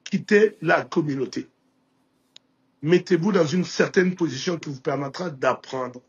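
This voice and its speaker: A man's voice: fairly high pitch, unhurried, husky, dull audio. A man from Burkina Faso with a Burkinabé French accent, telling anecdotes in a casual interview with many restarts. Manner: anecdotal, with frequent restarts and filler. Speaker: interview guest, entrepreneur.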